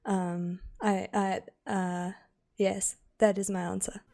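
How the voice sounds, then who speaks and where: A woman's voice: medium pitch, little pitch movement, slow pace, creaky, mellow. A woman answering as an improv contestant, hesitant and full of ums and uhs.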